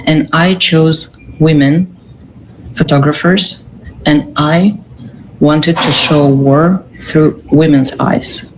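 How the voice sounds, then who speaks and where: Ukrainian-accented woman guest, slow and halting, faint hiss under the voice. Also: sits low, fairly even intonation, low-quality recording. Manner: earnest, halting with pauses and restarts. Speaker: guest, curator. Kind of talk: interview answers.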